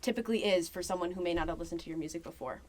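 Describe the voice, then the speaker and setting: A woman's voice: fairly low pitch, very fast. A woman hosting a radio interview in an upbeat, enthusiastic way. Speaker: radio host.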